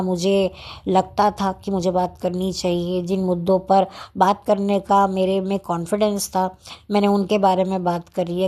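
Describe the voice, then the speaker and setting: A woman talking to her viewers, unscripted and chatty, slowing herself down on purpose. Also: mid-range voice, a little mellow. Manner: slow, deliberate and chatty, speaking without notes. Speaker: YouTuber reviewing films. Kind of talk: unscripted talk to camera.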